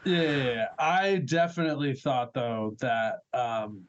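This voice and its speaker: Male podcast guest, middle pitch, relaxed chat, muffled lo-fi recording. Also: unhurried, a little hiss or hum. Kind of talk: casual chat. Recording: dull lo-fi sound.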